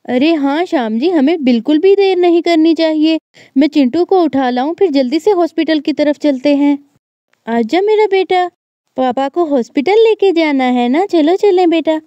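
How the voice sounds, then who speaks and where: A woman's voice: high-pitched, expressive, moderate pace, mellow, no room sound, highs cut off. A woman voicing a young village wife in a doll story, fussing and reassuring her sick husband. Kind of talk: doll story role-play.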